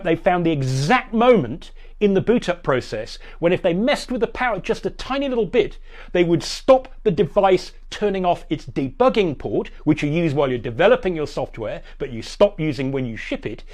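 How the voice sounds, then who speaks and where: Male host, slightly higher voice, chatty tech explainer who rambles and restarts. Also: big pitch swings, moderate pace, a little mellow.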